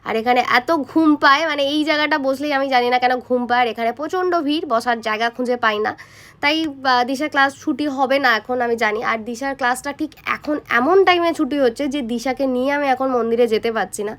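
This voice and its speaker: A woman's voice: sits high, fast talker, fairly bright tone. A young adult woman, a mother, narrating her day in a casual vlog and talking straight to her viewers in a chatty way. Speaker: mother vlogger.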